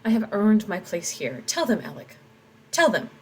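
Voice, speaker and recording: Woman reading old farmer man, desperate, pleading, emphatic, low-ish. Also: fairly quick, a little hiss or hum, close to an everyday voice, poor audio.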